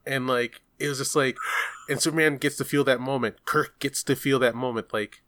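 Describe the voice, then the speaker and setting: A man's voice: medium pitch, normal speed, noisy background. A man in casual podcast chat, telling stories with acted-out quotes. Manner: animated storyteller, acts out quotes.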